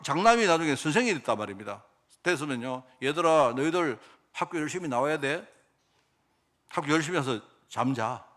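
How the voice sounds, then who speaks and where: A man's voice: fairly high pitch, fairly bright tone. A male pastor tells a story in a sermon, often asking his congregation rhetorical questions. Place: church sanctuary.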